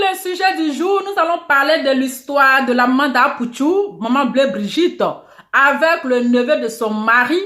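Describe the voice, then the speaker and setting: A woman's voice: sits high, a bit bright, roomy sound. A woman hosting a casual gossip vlog, introducing herself in a boastful, theatrical way with repeated catchphrases. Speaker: online video host.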